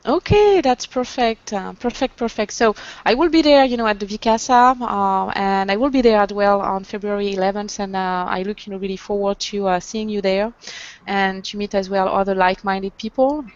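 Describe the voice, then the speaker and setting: A woman's voice: mid-range voice, normal speed. A woman hosting an interview series, speaking graciously and sprinkling her sentences with "you know". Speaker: interview host. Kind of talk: online interview conversation. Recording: muffled lo-fi audio.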